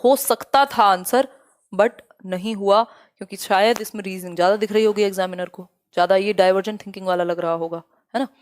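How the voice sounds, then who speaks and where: A woman's voice: medium pitch, a little mellow. Hindi-speaking lady teacher doing a live exam class, blunt, nags students to like and share. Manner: direct, scolding students, reads questions slowly.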